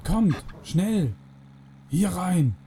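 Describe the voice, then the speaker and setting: A man voicing an urgent male leader who shouts commands to flee, his voice raised higher than his narration. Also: very animated, extremely slow, slight background noise, heavily acted.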